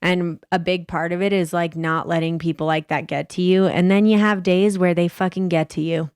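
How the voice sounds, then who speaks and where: Animated swearing woman podcast co-host. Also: on the low side, moderate pace, smooth, no echo, clean studio sound. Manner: animated, swears freely, acts out quotes. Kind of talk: casual storytelling chat. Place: podcast studio.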